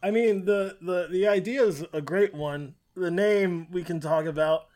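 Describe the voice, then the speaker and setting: A woman's voice: on the low side, a little slow, warm tone. A woman co-hosting a podcast in casual banter, with a jokey manner that tips easily into laughter. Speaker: podcast co-host.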